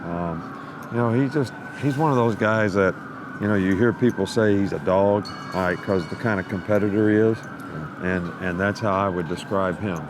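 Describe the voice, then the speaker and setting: A man's voice: lowish voice, normal speed, background noise. A man who is a head football coach, answering a postgame interview question in a plainspoken way.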